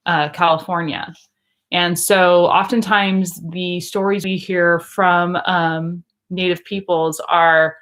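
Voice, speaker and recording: Woman English teacher, casual vlog chat, slightly low voice, loose and rambling with filler words. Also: fairly bright tone. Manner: chatty, rambling, frequent ums and likes.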